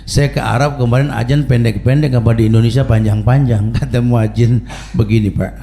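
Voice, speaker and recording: A man's voice: medium pitch, steady tone, fairly quick, vocal fry, warm tone, a little hiss or hum. A middle-aged man preaching a humorous sermon, telling stories and chanting Arabic recitations.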